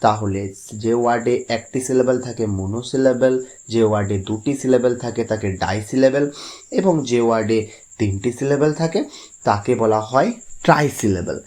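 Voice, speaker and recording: A man's voice: medium pitch, darkish tone. Man teaching a grammar lesson. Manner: explains patiently, drawing out example words slowly.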